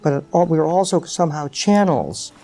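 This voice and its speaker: Mellow-voiced middle-aged man musing. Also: on the high side, normal speed, faint music behind. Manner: thoughtful, many uh fillers, animated explaining. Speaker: interview guest, psychologist. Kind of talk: reflective interview conversation.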